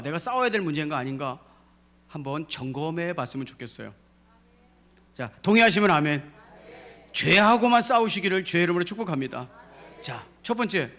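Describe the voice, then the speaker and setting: A man's voice: fairly high pitch, fairly bright tone. A man pastor preaching a sermon in a church, drawing responses from the congregation and rising to emphatic peaks. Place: church sanctuary.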